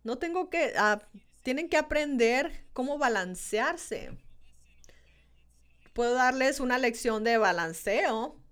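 A woman's voice: sits high, lively intonation, takes it slowly, long pauses, fairly bright tone, clean tone. A woman preaching a sermon in a conversational way, speaking straight to the congregation and repeating key phrases for emphasis.

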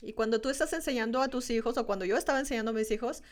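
A woman with a fairly high voice delivers a sermon. She talks to the congregation as if in conversation and repeats her key lines to drive them home. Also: racing. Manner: repeats phrases for emphasis. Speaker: preacher.

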